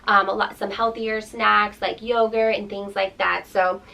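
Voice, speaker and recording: A woman's voice: mid-range voice, level tone, unhurried, vocal fry, sharp tone. A young woman vlogging from home about her toddler, chatty, with many ums and likes. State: out of breath. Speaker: vlogger, mother. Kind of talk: casual chat to camera. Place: home room. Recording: voice from a distance with faint noise.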